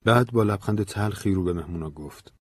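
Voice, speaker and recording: A man's voice: fairly low pitch, breathy edge, no echo. A man narrating an audiobook story expressively into a close mic. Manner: expressive, varied.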